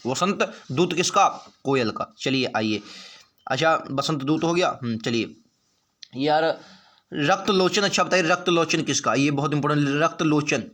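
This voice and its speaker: A man's voice: on the high side, fairly bright tone. A man teaching an exam practice lesson, quizzing his viewers and repeating each answer several times.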